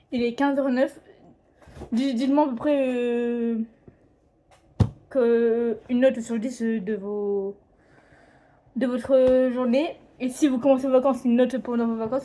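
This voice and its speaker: A teenage girl talks casually at home, setting up a drawing video. Her voice sits a little high but sounds mellow and soft-edged. She rambles, hesitates and keeps correcting herself mid-sentence. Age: teens. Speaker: drawing vlogger. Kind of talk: casual chat. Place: home, indoors.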